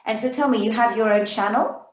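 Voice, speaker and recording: A woman hosting an interview, talking in an effusive, encouraging way with halting restarts. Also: a little high. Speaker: interview host. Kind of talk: conversational interview. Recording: roomy echo, distant from the mic.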